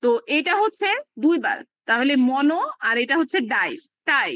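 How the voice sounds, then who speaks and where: A woman's voice: high voice, very animated, normal speed, dry recording, highs cut off. A woman teaching a live online class, explaining step by step with plenty of fillers. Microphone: video call.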